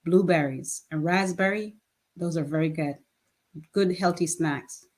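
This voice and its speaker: A nonprofit founder in her fifties answers interview questions in an earnest, plain-spoken way, laughing easily as she goes. Her voice is on the low side and a little slow, with a darkish tone.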